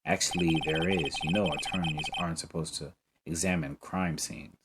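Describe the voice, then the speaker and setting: A man's voice: very deep voice, fairly even intonation, normal speed, heavy background noise. A man reading a flustered young lawyer. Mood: earnest. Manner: stammering, earnest. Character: young male defense attorney, earnest and flustered.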